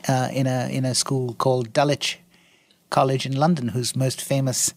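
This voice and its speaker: A man from India in his sixties, appearing as a guest in an interview conversation, speaks articulately and in a measured way, though with frequent ums and restarts. His voice is mid-range with little pitch movement, and there's no echo.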